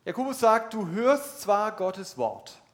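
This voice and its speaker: Slow, emphatic man preaching. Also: high-pitched, big pitch swings. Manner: earnest, emphatic, addresses listeners directly. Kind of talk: sermon. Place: church service.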